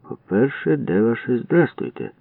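A man's voice: deep voice, sing-song, unhurried, gravelly, no echo, heavily acted. A man voicing a sly teenage bully boy who talks in a mocking, mock-polite way, on a distant, tinny radio recording.

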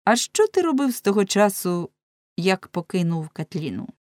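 A cold, commanding judge hands down curt orders, as a woman reader puts him on. It is a storybook reading in a close, dry sound with a mid-pitched voice. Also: very animated, moderate pace, darkish tone, no room sound, close to an everyday voice. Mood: stern. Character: stern, cold male judge. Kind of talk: dramatic audiobook reading.

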